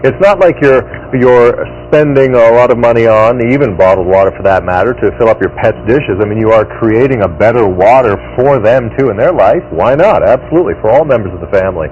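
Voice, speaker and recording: A man's voice: medium pitch, expressive, fairly quick, few pauses, darkish tone. Male home shopping host, dull TV audio. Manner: conversational, persuasive home shopping host delivery. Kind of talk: live home shopping sales pitch. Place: TV studio kitchen set. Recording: dull lo-fi TV audio, background music.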